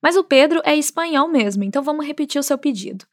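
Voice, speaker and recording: Upbeat Brazilian woman teaching, slightly high. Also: expressive. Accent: Brazilian Portuguese, Minas Gerais. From Minas Gerais, Brazil. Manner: slow careful modeling of phrases, upbeat and chatty asides. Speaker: Spanish teacher. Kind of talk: language lesson with repeat-after-me drills.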